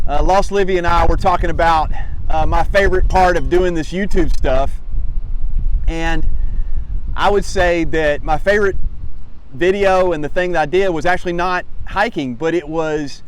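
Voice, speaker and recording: A man hosting a casual hiking vlog outdoors, talking in a folksy, rambling, self-effacing way. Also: clean tone. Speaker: host of a hiking channel. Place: outdoors by a lake in cold wind. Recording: noisy outdoor audio with vehicle rumble.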